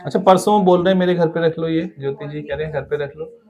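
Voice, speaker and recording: A man's voice: fairly high pitch, fairly even intonation, quick pace, a little mellow. A man leading a devotional gathering, chatting jovially with followers and cheering them on. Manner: jovial, brief encouraging interjections. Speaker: spiritual teacher leading a satsang. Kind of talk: casual devotional gathering talk.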